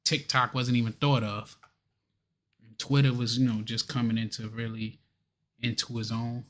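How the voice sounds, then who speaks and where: A man's voice: medium pitch, flat delivery, moderate pace. Man co-hosting a podcast, casual and laid-back, easy conversational talk. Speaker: podcast co-host. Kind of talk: casual chat.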